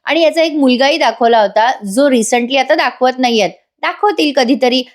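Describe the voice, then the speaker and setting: A woman's voice: high voice, moderate pace. A young woman narrating a voice-over episode review in a chatty way, speaking straight to viewers. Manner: chatty, addresses viewers directly. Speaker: TV serial reviewer.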